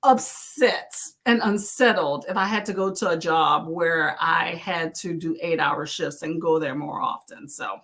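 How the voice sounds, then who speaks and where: This livestream host has a medium-pitched, fairly bright voice as she reads out comments from viewers and encourages them. Chatty and supportive, she exclaims often and clears her throat.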